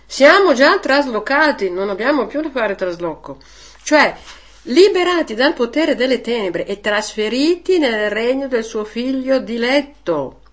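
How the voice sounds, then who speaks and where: Woman catechist, slightly high voice, chatty teaching tone, rhetorical questions, halting restarts. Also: a bit bright. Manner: conversational, frequent rhetorical "eh?" tags; hesitant restarts. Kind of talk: informal religious teaching.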